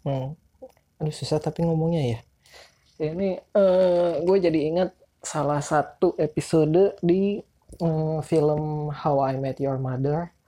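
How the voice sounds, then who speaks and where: A man's voice: fairly high pitch, steady tone, slow pace, warm tone. A man with a Jakarta Indonesian accent and a speech impediment on his r's, hosting a casual solo podcast in an informal, rambling, self-deprecating way. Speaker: podcast host.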